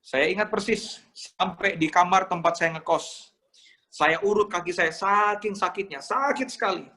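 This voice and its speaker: A young Indonesian pastor preaches with a sharp, high voice at a moderate pace. His sermon is emotional, dramatic storytelling in which he acts out pleading voices.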